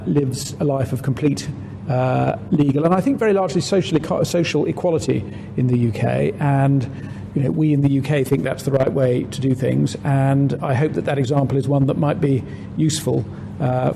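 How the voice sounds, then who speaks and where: A man, a diplomat, answering an interview question in a measured, reflective way with frequent fillers. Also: medium pitch, gravelly. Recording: noisy recording.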